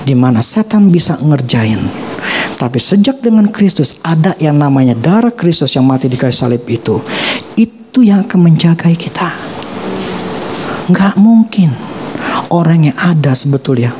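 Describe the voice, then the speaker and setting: A man in his forties preaches a sermon in relaxed flavored slang. His pitch rises and falls widely as he preaches. Clear background noise from the church hall sits under his voice. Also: moderate pace. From Indonesia. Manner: animated, preaching in casual slang with acted quotes. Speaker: pastor.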